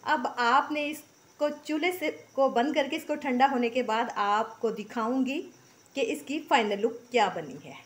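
With a high, unhurried voice, a Pakistani cooking-channel host explains a recipe one step at a time. She keeps the voice-over casual, homely, and chatty, adding blessings as she works in her home kitchen.

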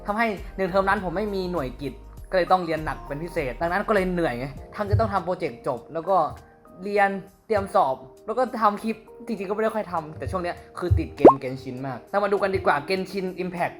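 Young man chatting casually with soft music. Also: high-pitched, quick pace. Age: young adult. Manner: switches between Thai and Mandarin, laughs often. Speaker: vlogger teaching name pronunciation. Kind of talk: casual bilingual chat.

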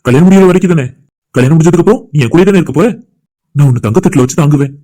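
A man voicing a lovesick young village man in a cartoon, speaking a soft, sincere inner monologue. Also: on the high side, very fast, lightly acted. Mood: longing. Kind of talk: cartoon voice acting.

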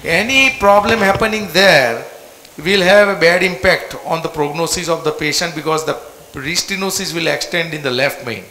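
A man's voice: a little high, normal speed, bright, forceful tone. An older man with an Indian accent, commentating as the operating doctor during a live medical procedure. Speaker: operating cardiologist. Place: hospital cath lab. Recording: echoey room with clear background noise and clicks.

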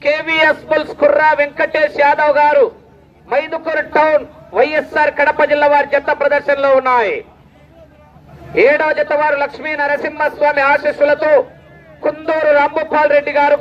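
A man announcing a live outdoor contest over a loudspeaker, calling out results and whooping excitedly between announcements. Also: very high-pitched, normal speed, muffled recording. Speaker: event announcer. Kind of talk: live announcing and cheering at a bull pulling contest. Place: outdoor rural event ground. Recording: faint crowd and noise outdoors.

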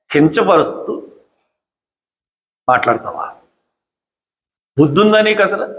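This combative political speech comes from a commentator whose voice sits high with a fairly bright tone. He scolds with one rhetorical question after another, and the hall echoes.

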